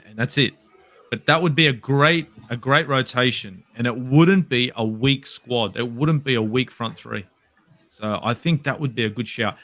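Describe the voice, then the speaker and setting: A man talking football casually, animated and swearing now and then. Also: mid-range voice, moderate pace. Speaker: podcast guest.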